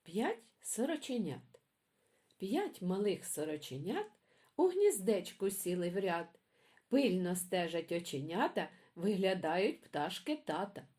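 Бібліотекарка виразно читає дитячі віршики та розповідає про авторку. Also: female voice, on the low side, measured pace. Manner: expressive, storytelling. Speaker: librarian. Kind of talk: reading children's poems aloud.

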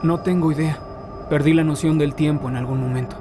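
Guy doing desperate half-crazy prisoner in a cartoon, kinda high voice, loud music. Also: fairly even intonation, brisk, lightly acted. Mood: desperate, weary. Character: desperate captive man slowly losing his mind. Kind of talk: animated horror parody acting.

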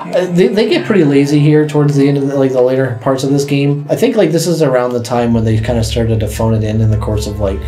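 A man's voice: mid-range voice, fast talker, hardly any pauses, mellow, faint music behind. A young man giving laid-back, casual commentary on a video game, swearing now and then and telling the player where to go. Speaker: let's play host.

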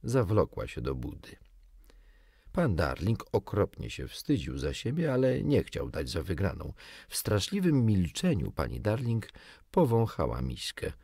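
Man narrating an audiobook: low, husky, very lively delivery, dry sound. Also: unhurried, no echo. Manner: expressive, dramatic reading. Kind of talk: scripted storybook narration.

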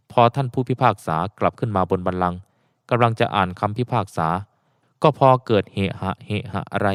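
A man narrating an audiobook in a steady storytelling cadence, close to the mic. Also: on the low side, clean tone, no echo.

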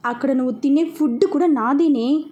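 A woman voicing a scheming young man making slow, mocking asides about his cousin. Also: sits high, mellow, dull audio, close to an everyday voice.

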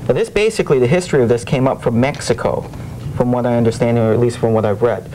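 A young man with a mid-pitched voice gives a demonstration in the patter of a shell game hustler. He instructs and challenges the onlooker as he goes. The old videotape recording has clear noise and a low rumble. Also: fast talker, mellow, poor audio. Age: young adult. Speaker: magician demonstrating street swindles as a guest. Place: small TV studio set, indoors, at a table.

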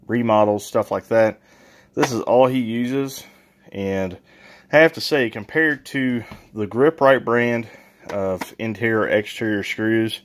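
DIY vlogger, man with a lowish voice, chatty and informal, filmed on a handheld phone indoors. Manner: chatty, informal, laughs at own jokes. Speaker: channel host, DIY renovator. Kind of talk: casual DIY vlog narration. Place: mobile home and workbench indoors.

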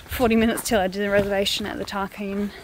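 Talking fast and flat in a mid-range voice, a young Australian woman vlogs her travels on a phone held at arm's length, walking through forests and along the coast and driving. She's chatty, laughing and saying "like" a lot; the rough recording carries some hiss or hum.

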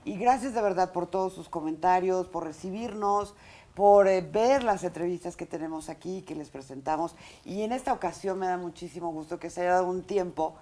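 A woman's voice: lowish voice, normal speed, dark tone. A middle-aged woman hosting an interview show in a small studio, welcoming viewers and guiding the conversation with questions. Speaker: talk show host. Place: small indoor studio set, seated in armchair.

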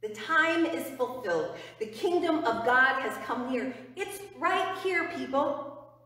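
A middle-aged woman pastor preaches in a slow, unhurried way, her slightly high voice earnest and emphatic, sinking to a hush on key phrases. She is picked up by a far camera mic in a church sanctuary, with long, echoing reverb around her. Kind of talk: sermon. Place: church sanctuary before the altar.

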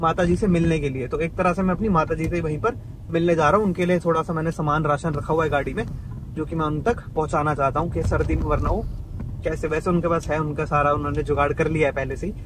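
Narrating his travel vlog, the man talks fast in a slightly high, steady voice, musing aloud in a chatty way and slipping in English words. The background is noisy, and music sits under the voice.

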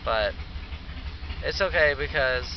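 A man's voice: mid-range voice, animated, slow. A drunk man in his twenties chatting affectionately to a handheld camera for a casual vlog inside a car. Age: 20s. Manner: affectionate, calls companion baby. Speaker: vlogger. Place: inside a car at a drive-thru. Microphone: handheld camera at arm's length. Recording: dull, noisy phone recording in car.

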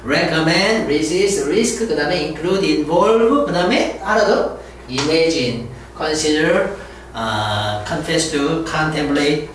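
A man teaching English grammar, reading English examples slowly and explaining them in Korean, often repeating words and correcting himself. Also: a little high, lively intonation, a bit bright, very echoey, distant mic, a little hiss or hum, rough recording. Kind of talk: lecture on grammar.

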